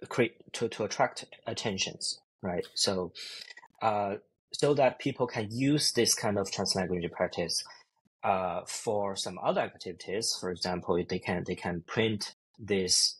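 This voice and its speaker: A man in his thirties explaining ideas haltingly in an online interview, often repeating words. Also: deep voice, breathy edge, poor audio. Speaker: researcher guest. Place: indoors, book-lined room. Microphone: earbuds on a video call.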